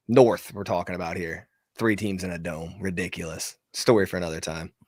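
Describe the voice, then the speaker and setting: A man's voice: sits low, steady tone, normal speed, a little mellow, breathy edge, no room sound, clean studio sound. A man joking wryly as a panelist on a sports talk roundtable.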